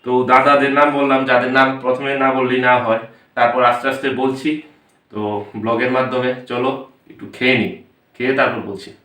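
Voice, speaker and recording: A man's voice: mid-range voice, level tone, moderate pace, sharp tone. A man from Tripura in India, chatting casually in a vlog and telling stories about the people who helped him. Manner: chatty, storytelling, thanks supporters by name. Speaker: vlogger.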